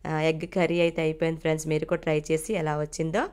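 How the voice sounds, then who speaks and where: Woman, cooking vlog host, friendly, polite, lowish voice, step-by-step. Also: little pitch movement, quick pace, darkish tone, clean tone. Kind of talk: casual cooking narration.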